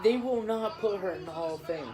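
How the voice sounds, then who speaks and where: A speaker joining a casual wrestling reaction chat, laid-back with quick quips. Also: mid-range voice, crowd noise, rough recording.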